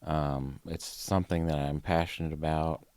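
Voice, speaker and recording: A man in his forties, a podcast guest, chatting in a relaxed, rambling way with many fillers and restarts. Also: a bass voice, normal speed, clear, resonant tone, no echo. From Ohio. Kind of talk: casual conversation.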